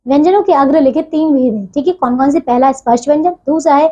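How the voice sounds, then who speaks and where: A woman teaching a grammar lesson to children, slowing down to spell out each sound and checking in again and again. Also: high voice, warm tone. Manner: repeats "ठीक है" as a check-in, slows to spell out sounds. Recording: dull lo-fi audio.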